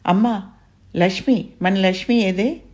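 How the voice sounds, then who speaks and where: A woman's voice: mid-range voice, unhurried, a little mellow, voice pushed up, natural voice. A woman voicing an anxious, emotional young village man with a Rayalaseema accent, asking eager, urgent questions. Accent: Rayalaseema Telugu.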